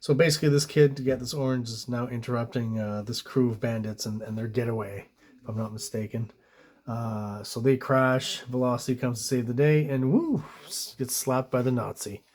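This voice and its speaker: A man's voice: medium pitch, steady tone, normal speed, a little mellow. Rambling man reviewing comic art. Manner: rambling, searches for words, frequent ums; enthusiastic about the art. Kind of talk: casual review commentary.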